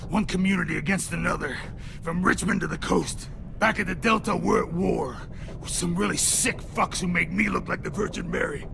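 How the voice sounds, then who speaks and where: An actor voices a wounded middle-aged raider held captive in a video game. His male voice is gravelly yet high-pitched, and his manner is taunting, profane and menacing. There is background noise.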